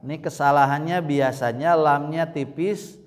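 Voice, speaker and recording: A man with a Sundanese accent teaching Quran recitation, explaining patiently and chanting example words slowly at a mosque study session. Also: a little high, steady tone. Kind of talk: religious lesson with recited examples. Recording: long hall reverb.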